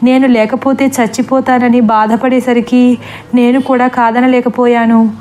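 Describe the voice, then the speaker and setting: A woman's voice: fairly high pitch, level tone, measured pace, darkish tone, natural voice. A woman voicing a guilty young man who begs his parents tearfully, in a storybook reading. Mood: pleading. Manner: tearful, pleading.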